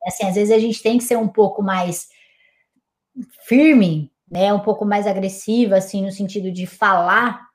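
A young woman, hosting a live stream as a weight-loss coach and talking in an emphatic, energetic way. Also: medium pitch, moderate pace. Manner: emphatic, self-described energetic, scolding but affectionate. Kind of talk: energetic motivational live chat.

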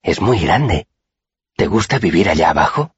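A man voicing a shy, dreamy young woman who speaks with wistful, childlike wonder in a softened, husky voice. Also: sits low, lively intonation, normal speed, no room sound, pitched above the performer's own voice, heavily acted. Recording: dry, slightly dull recording.

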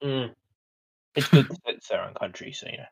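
A man's voice: medium pitch, normal speed, vocal fry, a little mellow, slightly rough. A young British man from Britain co-hosting a casual history podcast, rambling loosely and swearing now and then. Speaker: co-host. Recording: slightly dull lo-fi audio.

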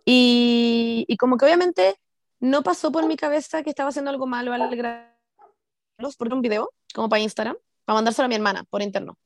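A young woman with a Chilean accent telling a story to friends on a video call, animated and full of slang. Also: fairly high pitch, fairly quick. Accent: Chilean Spanish. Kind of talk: casual chat.

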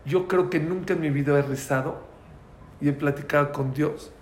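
A man's voice: on the high side, moderate pace, echoey room, a little hiss or hum. A man teaching a religious class, telling stories and asking his listeners questions, using Hebrew terms. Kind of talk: storytelling class lecture.

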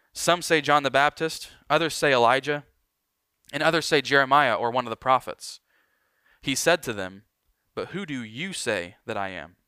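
A man preaching a sermon as pastor, emphatic and building, then dropping to quiet lines for weight. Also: medium pitch, clear, resonant tone, no room sound, clean studio sound.

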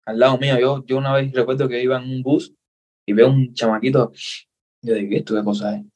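Telling his own story in a relaxed interview, a young Cuban guest talks briskly and earnestly at a normal middle pitch, in a Cuban Spanish accent. He brings the story to life by slipping into other people's voices to perform their lines.

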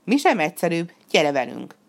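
A woman voicing a sly, flattering female fox in a storybook reading, with a sweet, wheedling, drawn-out way of talking. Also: on the low side, gravelly.

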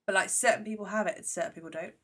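A woman's voice: medium pitch, rapid-fire, fairly bright tone. A woman co-hosting a podcast in casual chat, talking in a bubbly way while getting over a cough and a cold. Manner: chatty, bubbly, says "like" often. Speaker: podcast co-host.

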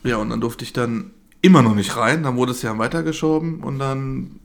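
Man, casual chat, animated storyteller, acts out quoted voices. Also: medium pitch, moderate pace, creaky. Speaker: partner telling a birth story.

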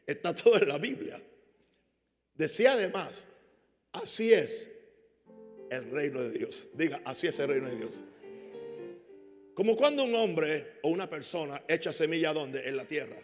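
A high-pitched male pastor delivers a sermon, calling out lines for the congregation to repeat. He shifts between loud, emphatic bursts and quiet, almost muttered asides. The voice rings out in a reverberant hall with soft instrumental music underneath. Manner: preaching with call-and-response to the congregation.

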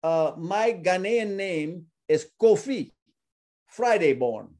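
Guy from suriname, kinda high but mellow, earnest, keeps repeating words. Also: expressive, takes it slowly. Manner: earnest, often repeats words while searching for them. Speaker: ministry founder, guest. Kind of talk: casual interview talk.

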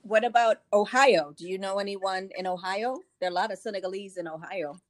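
Woman interviewing someone, mid pitched voice, asks lots of follow up questions. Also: brisk. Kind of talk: conversational interviewing.

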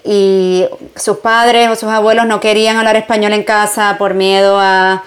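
Answering as an interview guest, a woman from Puerto Rico who works as a journalist and entrepreneur talks reflectively in Puerto Rican Spanish, peppering her speech with fillers and bits of English. Her pitch is medium, her tone level, and her pace measured.

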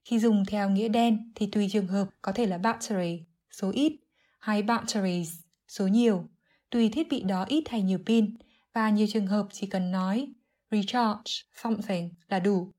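A woman giving an English vocabulary lesson, explaining clearly and methodically, word by word. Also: mid-range voice, moderate pace, dark tone. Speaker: English teacher.

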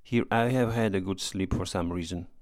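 A man reading the quoted thoughts of a vexed, lovesick gentleman, quick and self-mocking. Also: low voice, dry recording, clean studio sound, natural voice.

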